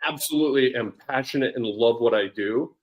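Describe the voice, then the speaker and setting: A man's voice: medium pitch, brisk, highs cut off. A man in his forties, a personal development coach, talking in a casual interview with energy and frequent restarts and repeated words. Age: 40s. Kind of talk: casual podcast interview chat.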